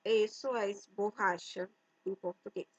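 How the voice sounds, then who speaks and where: A woman gives a language lesson to Spanish speakers in Portuguese sprinkled with Spanish words, explaining each word slowly and deliberately and stressing key words loudly. Her voice is mid-range with a steady tone, recorded with no room sound and the highs cut off.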